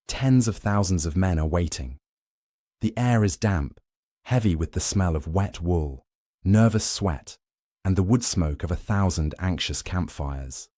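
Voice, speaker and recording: A man giving dramatic, scripted narration of a history documentary, grave and measured with long pauses. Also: low voice, mellow, dry recording, clean studio sound.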